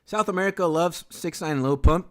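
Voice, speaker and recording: On a live stream, a native Spanish-speaking man from Venezuela talks loosely about music and reads out messages from chat. His voice is on the higher side and fairly quick, with a lively, wandering delivery.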